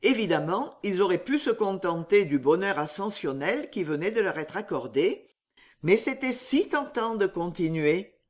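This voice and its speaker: A woman narrating a literary story, expressive and measured. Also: medium pitch.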